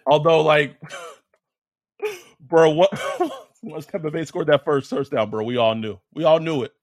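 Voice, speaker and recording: A man's voice: on the high side, unhurried, no room sound. A man hosting a sports podcast in casual, slangy fan banter, swearing freely and repeating phrases for emphasis.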